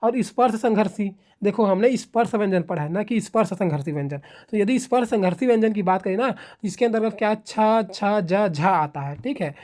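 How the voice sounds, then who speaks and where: A woman's voice: mid-range voice, brisk, hardly any pauses, a little mellow. A woman teaching a grammar lesson, sounding out syllables one by one and often asking herself rhetorical questions before she answers them. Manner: ends points with a checking "okay". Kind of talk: spoken classroom lecture.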